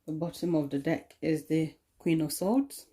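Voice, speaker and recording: A woman giving a tarot card reading, talking in a slow, soothing way with many "okay?" tag questions. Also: low voice, dark tone. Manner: drops into a whisper at times. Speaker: tarot reader.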